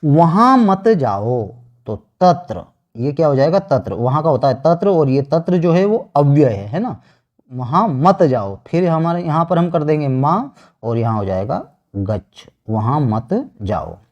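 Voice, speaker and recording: A man teaching Sanskrit grammar online, slowly repeating each answer after asking it back. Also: on the high side, very animated, a little mellow. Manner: slow, repeats answers with rhetorical questions. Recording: dull lo-fi sound.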